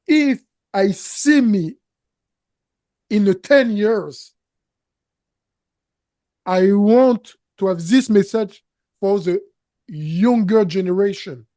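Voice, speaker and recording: A high-pitched, warm, animated voice belongs to a French-accented Canadian business coach whose first language is French, appearing as an interview guest. He speaks slowly, earnestly and emphatically, with some non-native grammar slips, in a dry studio-quality recording.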